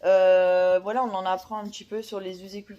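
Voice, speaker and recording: A woman's voice: medium pitch, little pitch movement, fairly quick, warm tone, muffled recording. A woman chatting casually about a book she is reading, hesitant, with many fillers and restarts. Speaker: book vlogger. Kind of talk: casual chat about books.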